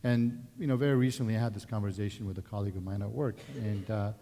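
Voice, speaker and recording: A guest speaker with a Palestinian Arabic accent gives a personal testimony at a worship service in a church sanctuary. His low voice is mellow and he talks quickly in a relaxed, conversational way, with many fillers and restarts. The recording carries a long church reverb and a slight hiss or hum.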